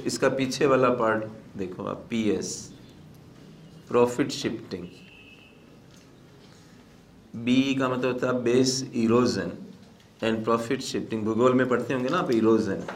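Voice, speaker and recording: A man's voice: mid-range voice, reverberant, slight background noise. A man teaching exam preparation in a casual lecture style, talking conversationally and repeating his key points.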